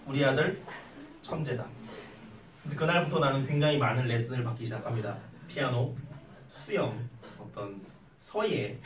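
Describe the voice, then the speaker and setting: A young man teaching math in a classroom, chatty and animated, telling stories and tossing questions at his students. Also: on the high side. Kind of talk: classroom lecture with storytelling. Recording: echoey classroom from a distance with faint noise.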